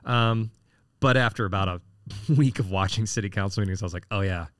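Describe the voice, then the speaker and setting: With a lowish voice and a fairly quick pace, a man in his late forties campaigning for city council chats casually through interview questions, leaning on fillers and restarting often. No echo can be heard.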